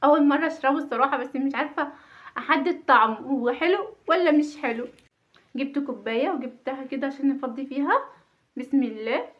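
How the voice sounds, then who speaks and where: Fast-talking Egyptian mom vlogging at home. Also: female voice, sits high. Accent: Egyptian Arabic. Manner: chatty, self-mocking, nervous laughter. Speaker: vlogger, mother. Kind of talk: casual home vlog. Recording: dull lo-fi home recording.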